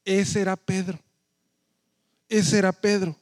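Pastor guy, kinda high voice, telling stories in his sermon, dry sound. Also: fairly even intonation, takes it slowly, darkish tone, no room sound. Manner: conversational storytelling, often checks in with the listeners.

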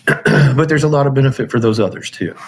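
This military veteran, a guest on an interview, has a medium-pitched voice and talks fast against slight background noise. He gives personal testimony in an earnest, casual, informal manner, often looping back over his own phrases.

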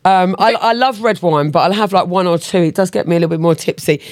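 A woman's voice: on the low side, fast, darkish tone, no room sound. A middle-aged woman co-hosting a podcast in casual chat, frank and laughing, steering the talk on a studio mic. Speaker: podcast co-host.

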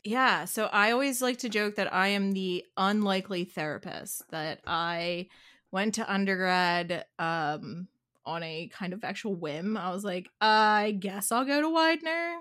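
Woman with a Philly Delco accent, lower-pitched. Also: unhurried, fairly bright tone. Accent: Philadelphia Delco. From suburbs of Philadelphia, United States. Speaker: podcast co-host and therapist. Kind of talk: casual podcast chat.

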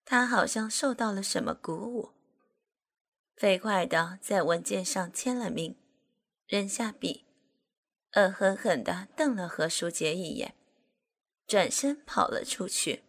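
A woman narrating an audiobook with measured, unhurried storytelling. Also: mid-range voice.

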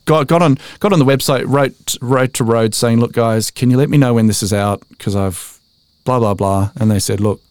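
Interviewed as a podcast guest, an Australian voice-over artist in his forties chats casually with a mid-range, slightly mellow voice at normal speed. He's self-deprecating, telling stories and acting out quotes, and there's no echo.

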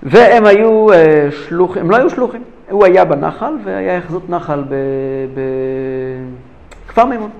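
A man teaching a religious lesson who tells stories with animated, repeated phrases for emphasis. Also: sits high, creaky, lo-fi sound. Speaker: rabbi teacher. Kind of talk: lesson storytelling.

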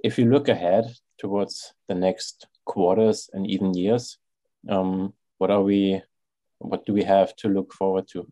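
Deep, mellow male podcast host. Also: little pitch movement, unhurried, no echo. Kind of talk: financial podcast hosting.

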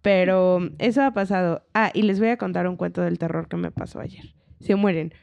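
A young Mexican woman co-hosting a casual podcast chat, telling an anecdote with animated acted-out quotes. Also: on the low side, normal speed, creaky. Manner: animated storyteller who acts out quoted voices. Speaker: podcast co-host.

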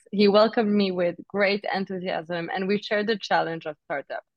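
A woman hosting a podcast, presenting in a measured, carefully phrased way as she introduces and questions a guest. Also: medium pitch, no room sound, highs cut off. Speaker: podcast host.

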